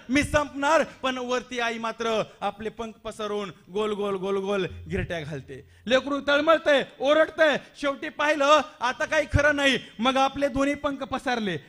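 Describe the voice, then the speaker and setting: High, bright-voiced man preaching dramatically. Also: a little slow, few pauses. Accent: Marathi. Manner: dramatic, rhetorical questions, repetitions. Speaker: kirtan preacher. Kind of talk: devotional kirtan sermon.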